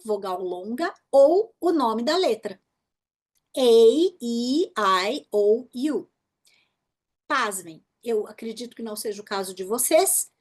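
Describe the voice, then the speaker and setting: Brazilian woman, Brazilian Portuguese accent, fairly high voice, pronunciation teacher, explanatory, demonstrates words slowly, checks in with the listener. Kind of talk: online workshop lesson.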